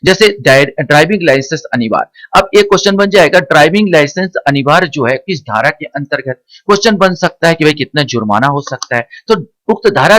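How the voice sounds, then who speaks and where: A male teacher giving an exam-prep lecture, explaining slowly and repeating key points as he quizzes the listener. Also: a little high, fairly bright tone, dry recording. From India.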